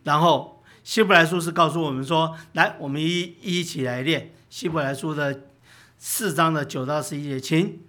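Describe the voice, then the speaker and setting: Male pastor, bright forward tone, animated sermon delivery full of rhetorical questions. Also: on the high side, normal speed. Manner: asks rhetorical questions and answers them himself; animated storytelling with sudden loud bursts.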